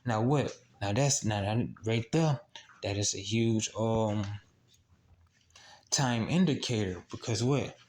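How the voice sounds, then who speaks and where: Delivering a scripture teaching, this man speaks at a fairly low pitch with a touch of mellowness, against slight background noise. His preaching is repetitive and full of rhetorical "what?" questions, and he stumbles along with many fillers and restarts.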